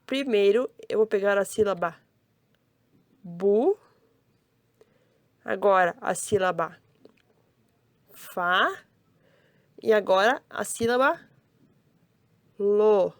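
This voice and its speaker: A young woman with a Brazilian Portuguese accent teaches small children to read, sounding out each syllable slowly in a cheerful, sing-song voice and speaking to the kids directly. Her voice sits in the mid-range, moving at normal speed with few pauses. The recording is dry.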